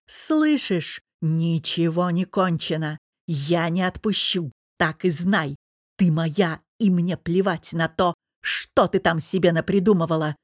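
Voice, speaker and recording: A woman's voice: on the low side, normal speed, few pauses, no room sound, clean studio sound, natural voice. A woman voicing an angry, domineering businessman husband who growls and presses hard. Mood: furious. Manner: growling, forceful.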